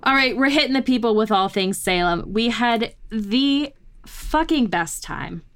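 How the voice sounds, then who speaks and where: A woman's voice: a little high, lively intonation, unhurried, fairly bright tone, smooth. A woman co-hosting a ghost podcast in casual chat, bubbly and enthusiastic. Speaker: podcast co-host.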